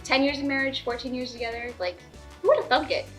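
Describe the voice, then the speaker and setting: A woman's voice: high-pitched, lively intonation, fast, a bit bright, soft background music. A woman in her thirties, co-hosting a casual chat show and telling a rambling story with lots of giggles. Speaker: podcast co-host.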